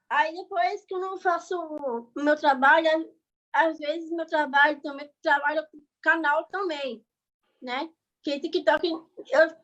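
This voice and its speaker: A woman's voice: sits high, a bit bright, muffled recording. A woman from Bahia, Brazil, speaking as a guest on a video call. She talks in a chatty, rambling way and keeps checking that listeners follow her. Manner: chatty, rambling, keeps asking "entendeu?" and "sabe?". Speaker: guest speaker, online creator. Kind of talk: casual talk on a video call.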